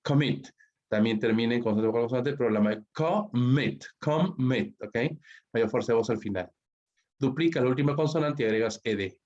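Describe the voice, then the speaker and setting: This is a dull lo-fi recording of a Peruvian man talking fast in a darkish, mid-range voice. Teaching English grammar in an online class with a Peruvian Spanish accent, he goes step by step and constantly checks in with "¿ok?" and "¿no?".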